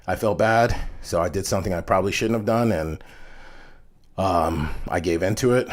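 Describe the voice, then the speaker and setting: A man hosting a vlog, telling candid personal stories in a frank, profane way with lots of "like". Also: low voice. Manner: frank, profane, heavy use of "like". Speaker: vlog host. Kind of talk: candid storytelling monologue.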